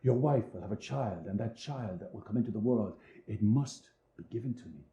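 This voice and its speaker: A man voicing a powerful, menacing old witch, hissing threats in a low whisper and shrilly calling up to a tower. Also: animated, moderate pace, warm tone, echoey room, highs cut off. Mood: stern bargaining. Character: menacing old female witch of great might.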